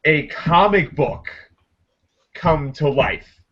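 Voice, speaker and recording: A man's voice: fairly high pitch, very slow. A man co-hosting a podcast, telling stories animatedly in casual chat. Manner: animated storyteller, breaks in to make points. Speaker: podcast co-host. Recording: dull lo-fi sound.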